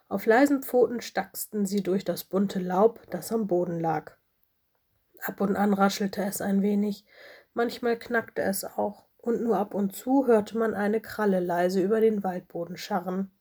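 A woman reading a children's animal story aloud as narrator, in a calm, even way. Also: mid-range voice, slightly rough.

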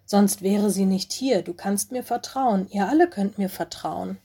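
A woman voicing a calm, kindly female cat headmistress in a storybook, speaking slowly and reassuringly. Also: mid-range voice, husky.

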